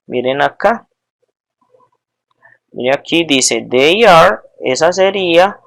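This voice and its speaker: A teacher giving a recorded lesson, patiently explaining each form step by step and often checking with the class. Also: medium pitch. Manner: patient, checks understanding with frequent tag questions; spells out each form slowly and repeats it.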